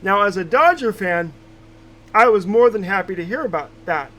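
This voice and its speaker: Male podcast host, high voice, casual, halting delivery with lots of "uh". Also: lively intonation, a bit bright. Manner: halting, many fillers and restarts.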